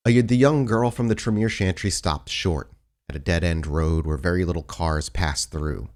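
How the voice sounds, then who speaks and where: Hosting a tabletop RPG podcast, this man also acts as the game's storyteller, mixing relaxed banter with narration. His voice is low and somewhat dark, delivered at a normal speed.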